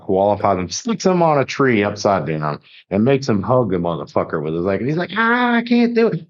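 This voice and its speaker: A middle-aged man hosting a podcast, rambling through army anecdotes and swearing constantly. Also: fairly low pitch. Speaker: podcast host. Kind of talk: casual profane storytelling. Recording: dull lo-fi audio.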